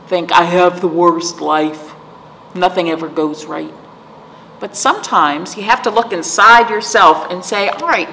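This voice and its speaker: In an indoor library room with a decorated wall, a middle-aged woman hosts storytime, chatting with young children, explaining things and asking them lots of questions. Her voice is lowish and a bit bright. The room is echoey, with clear background noise.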